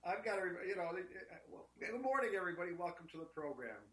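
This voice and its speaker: A man's voice: high-pitched, sing-song, fast talker, fairly bright tone. A man co-hosting casually over an internet call, his voice hollow and echoey as if he were in a cave or tunnel, chatty and rambling. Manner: chatty and rambling, with some restarts. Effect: echoey call audio, like talking from a cave or tunnel. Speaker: co-host calling in remotely. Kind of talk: casual chat.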